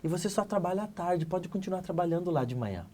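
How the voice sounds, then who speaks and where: A middle-aged man from Santa Catarina, Brazil, appears as an interview guest and tells a personal story with energy, acting out the dialogue and swinging between loud and hushed. His voice sits high and he speaks fast in this animated testimony.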